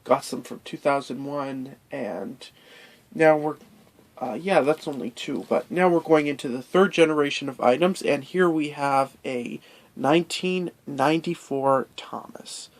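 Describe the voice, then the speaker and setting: A man's voice: fairly high pitch, unhurried. A nasal man with a cold. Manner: rambling, full of fillers and self-corrections. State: has a cold. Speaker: toy collector unboxing. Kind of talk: casual unboxing review.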